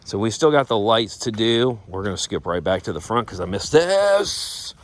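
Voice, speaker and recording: A man giving a casual walkaround of a vehicle he is giving away. He rambles, loses his train of thought and slips into a playful infomercial-style sales pitch. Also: big pitch swings, normal speed. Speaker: vlogger showing a vehicle giveaway.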